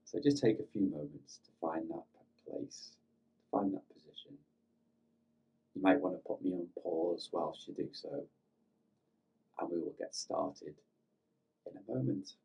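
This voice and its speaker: A man with a gentle, reflective, soft-spoken manner, leading a guided meditation. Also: low-pitched, a little slow, pauses often, slightly rough, distant mic. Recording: slightly dull lo-fi recording with faint music.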